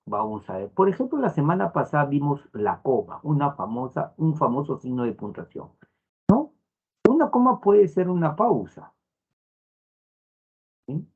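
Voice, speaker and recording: A man teaching an online class, repeating phrases and filling pauses with "a ver" and "estamos". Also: a little high, sing-song, breathy edge. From Peru. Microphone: phone. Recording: tinny phone-like lo-fi audio.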